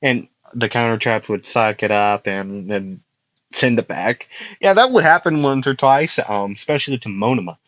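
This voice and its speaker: A young man casually tells a fan-made anime story, rambling with fillers and frequent laughs as he loses his voice and it grows worn out. His voice is mid-range and a bit bright at a moderate pace. The recording has no echo, and the highs are cut off.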